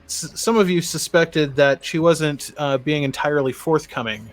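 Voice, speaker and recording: A man running a tabletop game as game master, narrating with many fillers and pauses. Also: fairly high pitch, slight background noise.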